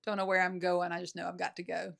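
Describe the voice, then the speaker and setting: A woman's voice: lowish voice, completely flat delivery, fast, vocal fry, fairly bright tone. A woman with a Southern accent, a podcast guest, talking in a reflective, hesitant way with many fillers. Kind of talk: casual conversation.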